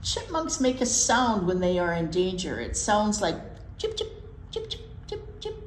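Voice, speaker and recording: With a medium-pitched voice and measured pace, a female storytime presenter reads to kids, her intonation swooping and very lively. She weaves simple reading together with folksy, chatty explanations, repeating words to stress them. Some faint noise sounds in the echoing room.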